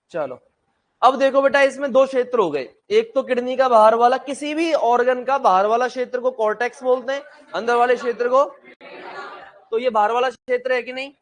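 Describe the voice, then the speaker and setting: A young man teaching a classroom lecture, blunt and joking, who asks his students questions and then answers them himself. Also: very high voice.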